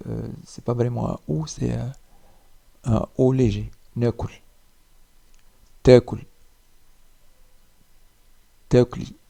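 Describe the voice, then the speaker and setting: A man teaching a spoken language lesson, repeating each word slowly with pauses. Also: mid-range voice, creaky, mellow.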